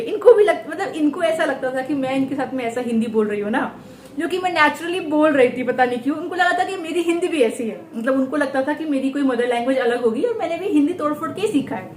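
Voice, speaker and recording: A young woman with a high voice chatting casually for a home vlog. She talks quickly and fluently, in an echoey room with faint background noise. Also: animated. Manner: chatty and quick, mimics others' speech. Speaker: vlogger. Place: indoor home.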